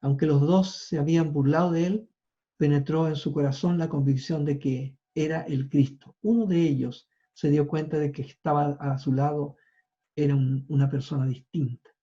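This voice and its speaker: A male preacher gives a sermon, retelling scripture and stopping for casual asides. His voice is fairly high but dark in tone, and the recording sounds dull and lo-fi. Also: steady tone, moderate pace.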